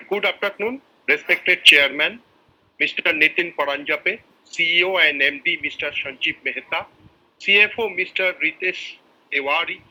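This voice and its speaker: A man's voice: on the high side, bright, forceful tone, low-quality recording. A man from India, a shareholder, giving a formal and effusive prepared address over a video call, with hesitant fillers and restarts. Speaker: shareholder speaking at a company meeting.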